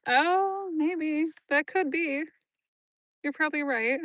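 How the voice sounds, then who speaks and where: A woman's voice: high voice, slow pace, fairly bright tone, no room sound. Chatty woman live-streaming outdoors. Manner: chatty, answers live comments as she walks. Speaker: genealogy vlogger. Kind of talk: casual live-stream chat. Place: outdoor cemetery.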